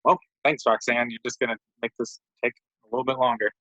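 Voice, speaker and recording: A man's voice: mid-range voice, steady tone, quick pace, pushed and bright, no echo. A man giving rambling, self-mocking casual commentary while playing a video game. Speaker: let's play commentator. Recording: dull lo-fi dry mic.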